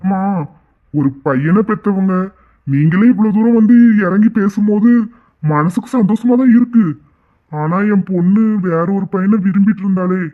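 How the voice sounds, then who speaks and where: A man's voice: sits high, normal speed, close to an everyday voice. A man voicing a tearful humble father. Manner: humble, emotional. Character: humble middle-aged father, an auto driver, tearful and grateful. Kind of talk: cartoon voice acting. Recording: tinny phone-like audio.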